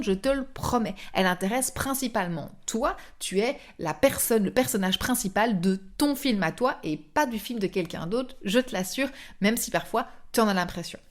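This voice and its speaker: Lively French-speaking woman coaching listeners. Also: on the high side. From France. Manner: animated, coaxing, voices inner thoughts in quotes. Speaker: podcast host and coach. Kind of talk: motivational podcast talk.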